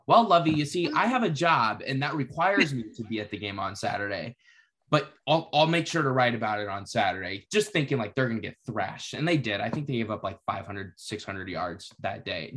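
Young male host, easygoing storyteller, fairly low voice. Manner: relaxed storytelling, casual swearing. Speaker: podcast host. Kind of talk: casual podcast chat.

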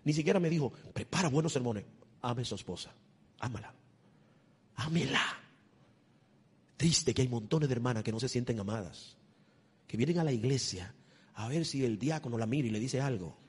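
Impassioned, husky-voiced male preacher. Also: mid-range voice, expressive, normal speed, long pauses. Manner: impassioned, swings between shouting and hushed tones. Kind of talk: sermon.

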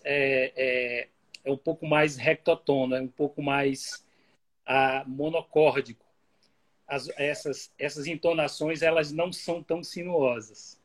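Guy, kinda high voice, patient explainer, lots of "né?". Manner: patient, explanatory, with many "né?" checks. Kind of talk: explaining intonation in casual chat.

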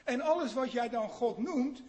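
A man preaching a sermon in an earnest way, asking his listeners questions and swinging between hushed and loud emphasis. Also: extremely high pitch, moderate pace. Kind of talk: sermon on a psalm.

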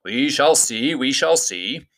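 A man's voice: mid-range voice, animated, slow pace, a bit bright, voice pushed up. A man voicing a wise, commanding old male wizard in a storybook reading, with grand formal speech. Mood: grave.

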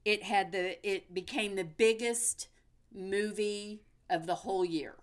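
A woman's voice: medium pitch, a little slow. An American woman hosting a casual movie news chat in an upbeat, chatty, folksy way. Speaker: movie podcast host.

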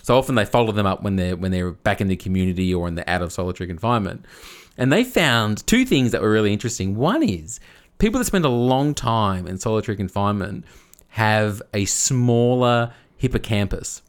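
A man's voice: on the low side, very animated, fairly quick. A man co-hosting a casual podcast, explaining a topic at length, often restarting and repeating words as he goes. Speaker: podcast co-host.

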